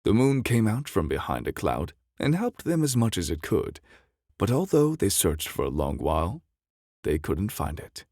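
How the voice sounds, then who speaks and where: A man narrating a bedtime story in a soft ASMR style, with a soothing, deliberate storybook delivery. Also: deep voice, big pitch swings, no room sound, clean studio sound.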